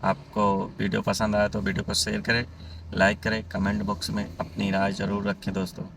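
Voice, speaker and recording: A man's voice: on the low side, fairly quick, vocal fry, distant mic, background noise. A man closing a video for his channel, asking viewers to comment, like and subscribe in a plain, repetitive way. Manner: flat, addresses viewers as friends. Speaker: channel host. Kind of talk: YouTube outro narration.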